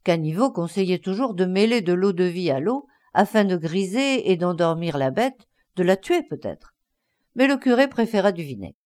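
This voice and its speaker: A woman narrating a classic story, expressive and acting out the scenes. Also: mid-range voice. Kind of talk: storybook reading.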